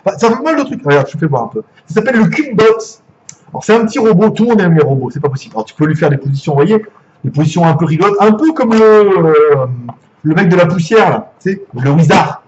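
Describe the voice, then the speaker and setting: A man's voice: high-pitched, lively intonation, quick pace, darkish tone, dull audio, a little hiss or hum. A man with a French accent, chatty and jokey, unboxing gadgets live and swearing casually. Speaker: gadget reviewer.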